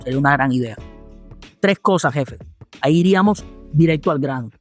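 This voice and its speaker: Middle-aged man, Colombian coastal accent, communication coach, podcast chat, fairly high voice, faint music underneath. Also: brisk. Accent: Colombian Caribbean coast. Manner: animated, acts out example dialogues.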